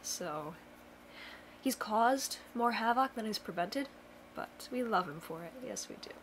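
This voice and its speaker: Her voice is mid-range and animated, and she takes her time, though the background is noisy. A young vlogger in her bedroom at home, she chats loosely to camera, full of fillers and dry self-mocking humor.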